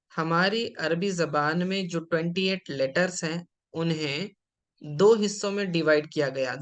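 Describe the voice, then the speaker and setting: A man's voice: fairly high pitch, fairly bright tone. A man with a Hyderabadi Urdu accent teaching Arabic grammar, patiently explaining slides, repeating terms and checking that students follow.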